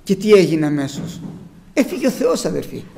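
A male preacher with a high, gravelly voice that swings widely in pitch. He retells scripture dramatically and presses his listeners with rhetorical questions. A faint noise runs underneath. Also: big pitch swings, mellow. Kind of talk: dramatic sermon storytelling.

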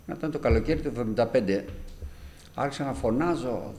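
Older man, fervent church testimony, mid-range voice, emotional telling that rises to loud peaks. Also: mid-range voice. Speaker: church member giving testimony. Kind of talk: personal testimony to a congregation.

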